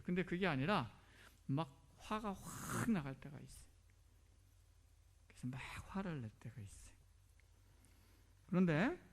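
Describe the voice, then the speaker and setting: A middle-aged man preaching a sermon as a pastor, asking rhetorical questions and dropping to near whispers. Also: on the high side.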